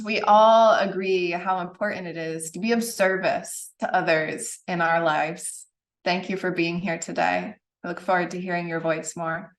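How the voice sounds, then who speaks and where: A woman from the United States moderating an online panel over a video call, welcoming each speaker. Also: medium pitch. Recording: roomy, distant from mic.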